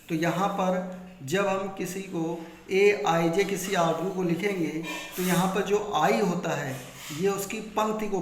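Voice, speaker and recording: Male maths teacher, Hindi-speaking north Indian accent, slightly raised pitch, repetitive self-answering quiz style, recorded in an echoey room. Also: slight background noise. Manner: repeats key points and quizzes students with questions he answers himself. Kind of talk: classroom lesson explaining step by step.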